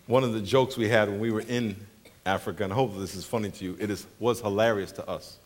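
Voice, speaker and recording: Fast and fairly low-pitched, a preaching pastor spins comic stories about his travels during a sermon, animatedly acting out characters' voices and laughing often.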